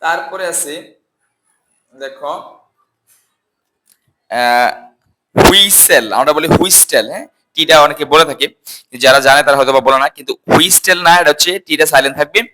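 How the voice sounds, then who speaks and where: Bright-voiced man teaching English words. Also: a little high, a little hiss or hum. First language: Bengali. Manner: drills words by repeating them slowly and asking the class. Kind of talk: casual spoken lesson.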